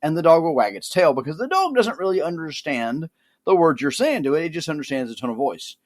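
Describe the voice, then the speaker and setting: Sardonic man hosting a podcast. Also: a little fast. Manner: dry, sardonic, mock-serious; lively, animated pitch. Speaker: podcast host. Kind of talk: wry comic monologue.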